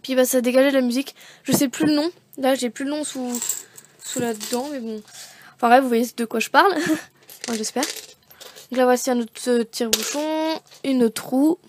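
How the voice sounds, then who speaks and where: Chatty high-voiced woman vlogging. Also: fairly quick, darkish tone, a little hiss or hum. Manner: chatty, rambling, self-correcting with many fillers. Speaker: beauty vlogger showing craft supplies. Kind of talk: casual unboxing chat.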